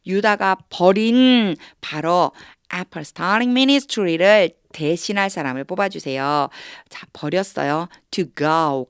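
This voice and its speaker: A woman teaching English through Bible verses, explaining step by step and reading English lines slowly. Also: fairly low pitch, no room sound, studio quality. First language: Korean.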